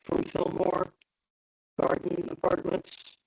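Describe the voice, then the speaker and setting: A woman's voice: slow pace, darkish tone, highs cut off. A woman in a remote meeting whose call audio is garbled and breaking up. She asks questions and directs the slide view step by step. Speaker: meeting participant asking questions. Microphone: remote video call. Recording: garbled distant call line, raspy.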